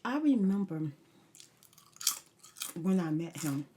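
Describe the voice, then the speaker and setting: A woman's voice: fairly low pitch, big pitch swings, slow, warm tone, slight background noise. A woman ASMR vlogger rambling through a casual story time, talking candidly and emphatically with slangy asides and advice.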